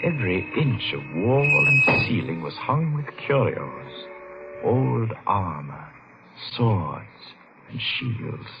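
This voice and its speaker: In the ornate, suspenseful manner of old-time radio horror, an actor plays a haunted man recalling his boyhood with dread. His fairly low voice is creaky and exaggerated, very animated yet slow, and the delivery is dramatic. The audio sounds like muffled vintage radio, with dramatic music playing underneath.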